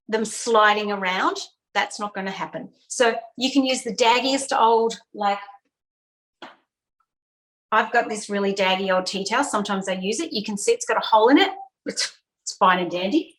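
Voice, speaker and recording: A woman's voice: medium pitch, a bit bright, poor audio. A woman hosting an online cooking lesson for kids, chatty, repeating key steps with fillers, on a video call. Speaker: cooking class host.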